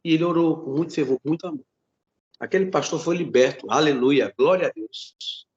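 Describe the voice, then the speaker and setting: A man's voice: on the high side, a little fast, a little mellow, highs cut off. A Brazilian man preaching a sermon as pastor, fervent and repetitive, often calling out to his listeners as brothers. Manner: fervent, repeats words, addresses listeners as brothers. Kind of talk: sermon with a retold testimony.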